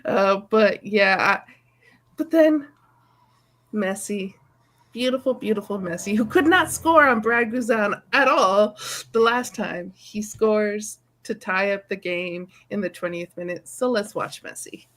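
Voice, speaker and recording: A woman's voice: medium pitch, measured pace, a bit bright. A woman co-hosting a sports show, giving casual, informal recaps.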